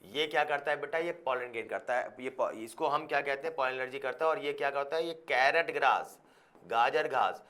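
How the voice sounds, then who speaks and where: A man's voice: medium pitch, fairly quick, pushed and bright. A man teaching a biology lecture, who keeps checking that his students follow and mixes English scientific terms into his explanations. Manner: calls students "beta", keeps checking they understand. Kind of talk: classroom lecture.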